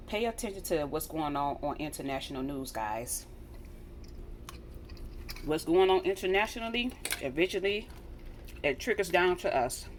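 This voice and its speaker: A woman's voice: sits low, a little hiss or hum. An American woman vlogger talking casually and earnestly straight to her viewers, repeating phrases for emphasis. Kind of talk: casual direct-to-viewer chat.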